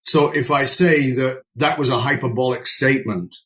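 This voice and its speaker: A middle-aged British man, a speaking coach appearing as a podcast guest, talks conversationally in a mid-range, slightly bright voice at normal speed. He is emphatic and outspoken, swearing casually.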